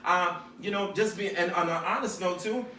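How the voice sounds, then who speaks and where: Animated high-voiced New man, echoey room. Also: normal speed. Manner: animated storytelling, mimics people with slang. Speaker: guest. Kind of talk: casual podcast chat. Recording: echoey room, far from mic, faint noise.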